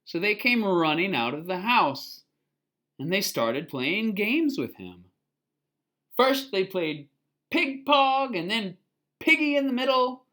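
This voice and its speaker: A storybook reader performs a children's book aloud with expression, stopping now and then to explain things and pose questions, in a medium-pitched voice.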